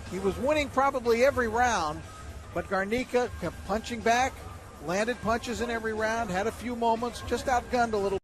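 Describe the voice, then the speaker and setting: Male boxing commentator, high voice, analytical live sports delivery over loud background music. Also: poor audio.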